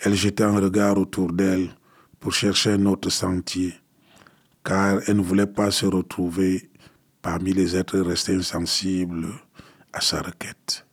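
A man reading a fairy tale aloud in a calm, unhurried way. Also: deep voice, slightly rough. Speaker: storyteller.

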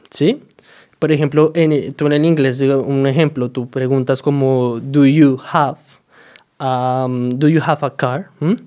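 A Colombian man's voice, sitting a little above the usual male range, talks through everyday expressions in a relaxed vlog. He is chatty and unhurried, leaning on fillers and stopping often to make sure the audience follows. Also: fairly high pitch. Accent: Colombian Spanish. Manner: chatty, explains slowly with frequent fillers and "¿sí?" checks. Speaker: vlogger explaining slang. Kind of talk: casual explanatory monologue.

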